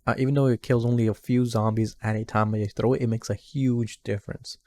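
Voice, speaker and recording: A man's voice: medium pitch, level tone, fast, mellow. A man talking casually as a streamer reacting to a video, rambling and repeating himself. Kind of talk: casual live reaction commentary.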